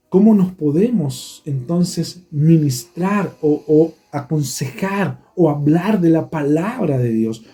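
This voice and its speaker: A man's voice: on the high side, dark tone. A man preaching a sermon as pastor. He speaks earnestly and keeps turning back to address the congregation directly.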